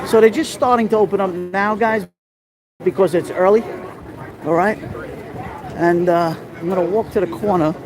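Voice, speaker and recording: A middle-aged New Yorker with a high voice and a New York accent hosts a casual walking-tour live stream on a rainy city street during a festival, talking at a moderate pace with long pauses. He chats loosely, greets viewers by name and drifts into rambling asides. His handheld phone mic gives a low-quality recording full of street noise, crowd sounds and music.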